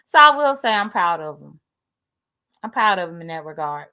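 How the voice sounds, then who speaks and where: Her voice sits low but swings widely in pitch, bright and forceful yet smooth, at a moderate pace, though the audio itself sounds dull. This American livestream host in her late thirties airs grievances casually, bluntly, and with lots of swearing.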